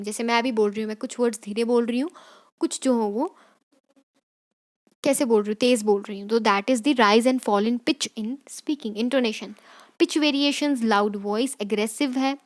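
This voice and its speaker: A woman teacher, going over exam questions in Hindi mixed with English, repeating each point and dictating definitions slowly. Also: a little high. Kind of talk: exam revision lesson.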